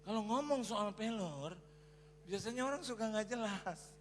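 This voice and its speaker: A man preaching a sermon as a pastor, telling a story in an animated way, acting out quotes and mixing in English phrases. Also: sits high, normal speed. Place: large church hall. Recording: reverberant church hall with faint noise.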